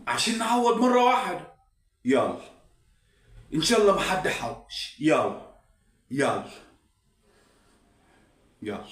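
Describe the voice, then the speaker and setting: A man's voice: fairly high pitch, wildly swooping pitch, unhurried, pauses often. A man with an Egyptian accent playing a desperate male gambler who bets away his house. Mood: hopeful, then urging. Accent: Egyptian Arabic. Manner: pleading, then frantic. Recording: roomy, distant mic.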